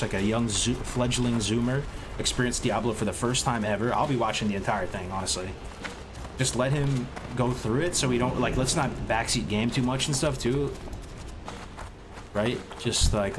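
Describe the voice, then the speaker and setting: In a medium-pitched voice, a congested, sniffly man chats casually with his livestream audience. He rambles, restarts sentences, and uses lots of gamer slang, while music plays clearly in a noisy background.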